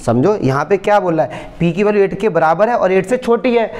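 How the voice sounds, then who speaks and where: A man's voice: high-pitched, lively intonation, fairly quick, a little mellow. A man teaching a maths lesson for board exams, explaining step by step and checking often that students follow. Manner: coaxing, checks understanding often.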